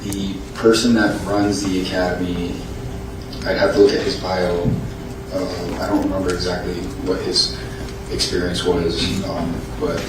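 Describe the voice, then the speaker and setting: An American man giving courtroom testimony as an expert witness, answering formally and politely in a measured, hesitant way. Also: low-pitched, little pitch movement. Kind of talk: courtroom testimony under questioning. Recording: echoey, distant, noisy courtroom audio.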